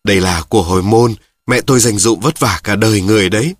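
A man's voice: on the low side, quick pace, dry recording, clean studio sound, lightly acted. A man reading a story, raising his voice to play a plaintive young daughter-in-law. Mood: pleading.

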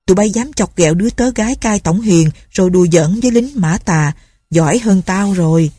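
Woman voices a boastful old bandit chief, loud and mocking, dark tone, storybook read. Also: medium pitch, brisk, breathy edge, no echo, clean studio sound, natural voice.

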